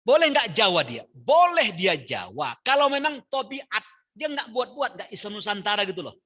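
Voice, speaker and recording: Male preacher, bright and fairly high, lively mosque sermon with chanted verses. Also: moderate pace. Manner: lively, shifts from soft asides to loud emphasis; chants Quran verses in Arabic, then explains them.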